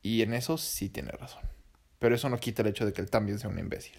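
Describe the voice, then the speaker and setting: A man's voice: on the low side, fast, gravelly, a little mellow. A young man with a Mexican accent telling a personal story in a casual, slangy, profane and rambling way.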